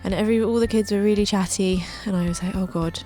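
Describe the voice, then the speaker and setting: A woman's voice: medium pitch, steady tone, fast, mellow, soft background music. A woman, narrating her own life story with chatty, joking asides. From England. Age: 20s. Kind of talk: scripted narration over a drawing video.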